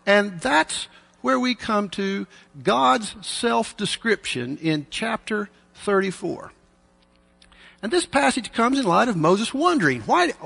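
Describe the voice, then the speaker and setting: Preacher, male, at a pulpit microphone; gravelly, higher voice, long hall reverb. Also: a bit bright. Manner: measured, earnest, with dry asides. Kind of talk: sermon.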